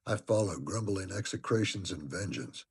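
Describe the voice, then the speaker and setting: A man giving an expressive first-person dramatic reading of a classic novel. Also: deep voice, moderate pace, slightly rough. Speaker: audiobook reader.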